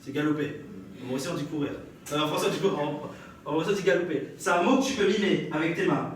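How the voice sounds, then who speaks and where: On a live comedy stage, a young French-accented comedian tells stories, bantering with the crowd and laughing, at a quick pace. His slightly high voice reaches the mic from a distance. The room is very echoey, with clear audience noise around him.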